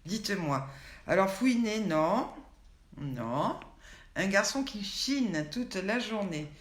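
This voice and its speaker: A woman's voice: mid-range voice, big pitch swings, slow pace. An older woman hosting a live online show, playfully quizzing viewers and reading out their names and comments. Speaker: host of a daily online show. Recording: echoey room.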